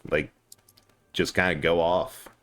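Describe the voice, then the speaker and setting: A man's voice: low voice, little pitch movement, takes it slowly, fairly bright tone. A man streaming a game, chatting casually and laughing often as he jokes. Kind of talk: casual chat while gaming.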